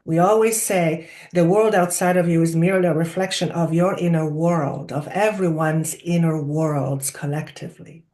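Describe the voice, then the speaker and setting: A person voicing a channeled collective of wise spirit guides, like a seance medium in trance, deliberate and oracular with drawn-out emphasis and rhetorical questions. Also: mid-range voice, steady tone, darkish tone, close to an everyday voice. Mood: solemn, assured. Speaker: channeler speaking as a council of spirits.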